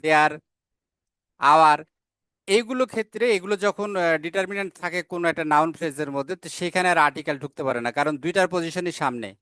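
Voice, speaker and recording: A male teacher talks through a grammar lesson at a patient, explaining pace, slowing right down to read out English example sentences. His voice sits a little high and sounds smooth and clear. He breaks his flow with small "ah" fillers and quick self-corrections, recorded close up in a dry space with no room sound. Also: pushed and bright, no echo. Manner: explains step by step, reads English examples slowly.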